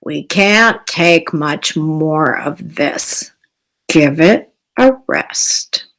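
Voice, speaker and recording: A woman's voice: deep voice, lively intonation, very slow, a bit bright, voice pushed down, full character voice, rough recording. A woman reading aloud and voicing a group of grumpy piranhas who insist on what they eat. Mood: exasperated. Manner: exasperated, insistent.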